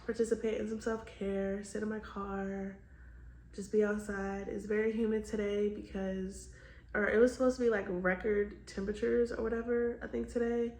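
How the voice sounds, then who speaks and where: A woman's voice: medium pitch, little pitch movement, normal speed, a little mellow, a little hiss or hum. A woman vlogging casually to her phone, candid and reflective, peppering her talk with "like" and "girl". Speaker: lifestyle vlogger. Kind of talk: casual vlog chat. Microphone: phone camera. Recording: roomy sound from away from the phone.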